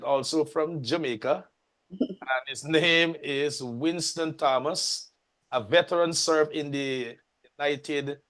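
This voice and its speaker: A man's voice: a little high, fairly bright tone. A man chairing a community meeting, formal and welcoming, addressing people by title.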